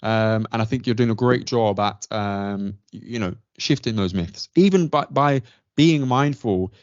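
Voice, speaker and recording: A man's voice: fairly low pitch, a little slow, no room sound. A man hosting a podcast, asking thoughtful, earnest questions. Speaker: podcast host. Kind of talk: casual interview chat. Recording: dry, dull lo-fi audio.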